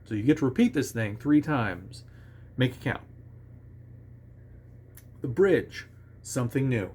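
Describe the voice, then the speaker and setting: A man giving a relaxed, conversational songwriting lesson, talking with restarts and sometimes singing short nonsense syllables as examples. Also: medium pitch, measured pace, husky. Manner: self-assured about his own lyric writing. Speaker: songwriting teacher. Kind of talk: casual instructional talk.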